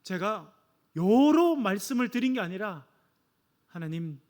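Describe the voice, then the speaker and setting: Korean pastor guy, kinda high voice, preaching and chatting w the congregation, acts out his kids calling him. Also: animated, normal speed. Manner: storytelling with asides to the congregation. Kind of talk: sermon. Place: church sanctuary.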